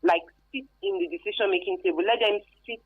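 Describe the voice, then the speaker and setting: On what sounds like a phone line in a radio recording, a career advisor with a Nigerian accent speaks as an expert guest, earnest and repeating herself to drive points home. Her husky, medium-pitched voice runs a little fast, free of echo.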